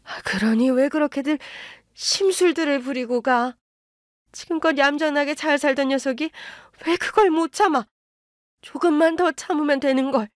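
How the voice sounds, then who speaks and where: The mother-in-law here, voiced by a woman in a storybook radio drama, is dismissive, favors her elder son and shrugs off complaints with self-justification. The performer pushes her voice up into a high register at normal speed, lightly acted, with clean studio sound and no room ambience.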